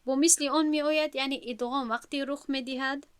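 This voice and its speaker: A woman with a somewhat high voice teaches recitation rules in a patient, explanatory way, stretching out each example she recites. Her voice is close and dry, with no room echo. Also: fairly even intonation. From Central Asia.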